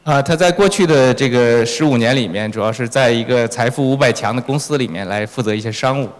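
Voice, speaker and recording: Standing beside a preacher in a large, echoing church hall, a man interprets the sermon consecutively, relaying each phrase to the congregation. His voice is mid-pitched and fast, and the hall's long reverb fills the recording.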